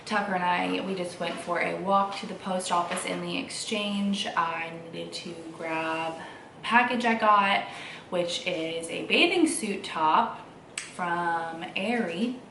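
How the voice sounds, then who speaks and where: Chatting casually to camera at home, a young mother who vlogs rambles informally in a low, slow, creaky voice with a sharp edge and slight congestion. The distant mic gives a roomy echo and faint noise.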